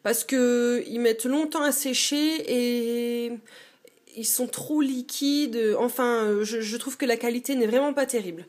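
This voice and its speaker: A woman's voice: on the high side, steady tone, measured pace, a little mellow. A young woman chatting casually about her own collection in a dim bedroom, hesitant and full of fillers. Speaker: beauty vlogger. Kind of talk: casual show-and-tell.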